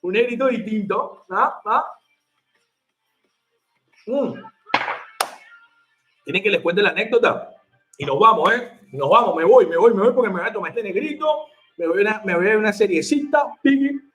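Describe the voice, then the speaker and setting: High-voiced chatty bartender man. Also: normal speed, long pauses, soft background music. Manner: animated, chatty, addresses viewers directly, laughs at his own story. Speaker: bartender and online mixology teacher. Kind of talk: casual storytelling to camera.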